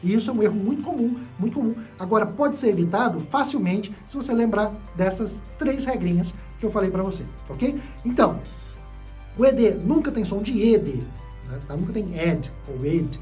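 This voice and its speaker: A man's voice: high voice, animated, moderate pace, a little mellow, faint music behind. A man with a Brazilian accent teaching a video lesson, patient and repeating key points for his students. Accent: Brazilian Portuguese. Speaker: English teacher.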